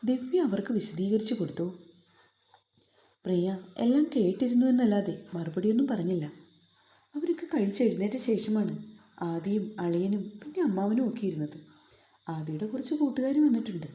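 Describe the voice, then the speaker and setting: Dark-toned woman narrating a story. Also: mid-range voice, animated, normal speed, reverberant.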